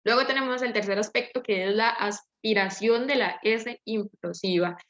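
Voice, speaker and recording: A woman's voice: on the high side, moderate pace, a bit bright. A young woman with a Latin American Spanish accent giving a hesitant class presentation, with many fillers. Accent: Latin American Spanish, seseo. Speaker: student presenter. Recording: dull lo-fi audio.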